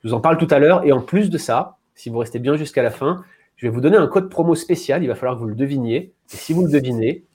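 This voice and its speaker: A man reading a Bible passage and then announcing a training course in a lively, hesitant way, with fillers. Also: mid-range voice, quick pace, breathy edge. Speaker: webinar speaker.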